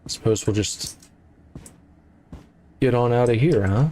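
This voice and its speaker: A man's voice: medium pitch, a little slow, a little mellow, slight background noise. A man giving casual gameplay commentary in a wry, understated way, talking along to the game. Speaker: game streamer.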